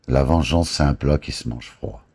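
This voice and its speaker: Deep gravelly man telling crude street stories. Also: moderate pace, darkish tone. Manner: crude, boastful, trash-talking street slang. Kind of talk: casual storytelling on a live stream.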